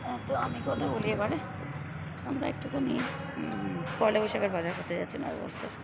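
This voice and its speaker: A middle-aged woman with a hoarse voice, chatting casually to her viewers in a lifestyle vlog while out near home. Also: mid-range voice, animated, fairly quick, over loud music. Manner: chatty, addresses viewers directly. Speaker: lifestyle vlogger. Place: out and about near home and shops. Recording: loud background noise.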